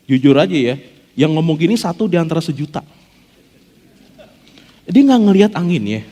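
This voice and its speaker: A man preaching a casual, joking sermon as a pastor, acting out quotes as he goes. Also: on the high side. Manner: animated, jokey, acts out quotes. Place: church hall. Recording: long hall reverb.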